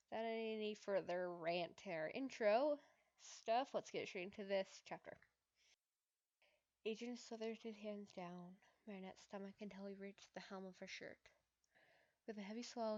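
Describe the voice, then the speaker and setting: A woman's voice: mid-range voice, a little mellow, muffled recording. Chatty woman reading her own fan story. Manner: chatty, stifling laughs. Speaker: fanfiction author. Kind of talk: reading own fanfiction aloud.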